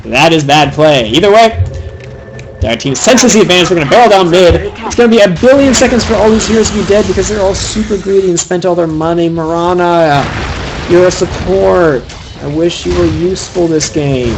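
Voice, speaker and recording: A man's voice: high voice, noisy background. Opinionated young man casting a game. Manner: fast, opinionated, critiquing plays. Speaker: game caster. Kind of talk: solo game commentary.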